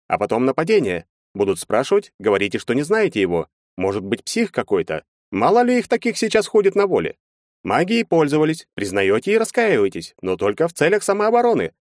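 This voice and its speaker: Guy doing a slick smiley lawyer, higher voice, glib and soothing, dry close mic. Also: no room sound. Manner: glib, reassuring, falsely smiling. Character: smooth slick middle-aged male lawyer.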